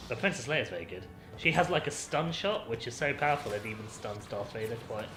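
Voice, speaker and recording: A man playing a video game while chatting casually as co-host, excitable with sudden high yelps and laughs. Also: fairly quick, over music. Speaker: gameplay co-host and player. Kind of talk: casual gameplay commentary. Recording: echoey room with background noise.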